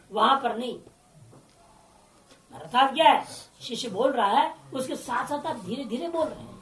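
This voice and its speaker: High-voiced woman teaching scripture, echoey. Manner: poses rhetorical questions and answers them; recites Sanskrit terms slowly, then explains. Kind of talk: lecture on a Sanskrit commentary. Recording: echoey, mic far off.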